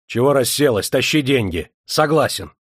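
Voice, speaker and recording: A man's voice: medium pitch, expressive, normal speed, husky, no room sound, studio quality, voice pushed up. Man doing a hot-tempered nobleman. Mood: angry. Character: angry impatient nobleman heir.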